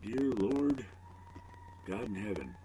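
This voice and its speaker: A man's voice: fairly low pitch, big pitch swings, takes it slowly, dark tone, slight background noise, rough recording. A middle-aged man hosting a podcast alone, rambling with joking, self-deprecating asides. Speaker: podcast host. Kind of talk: casual solo podcast monologue.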